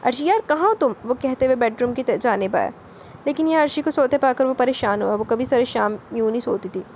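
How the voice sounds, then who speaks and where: A woman narrating a romance novel audiobook in a brisk, dramatic reading. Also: a little high, a little mellow, a little hiss or hum.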